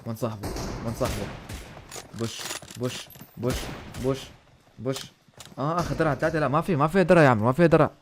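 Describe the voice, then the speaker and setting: A man commentating his own game on a live stream, excitable, shouting at big plays and thanking donors warmly. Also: medium pitch, fast talker, background noise. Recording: game gunfire and music behind.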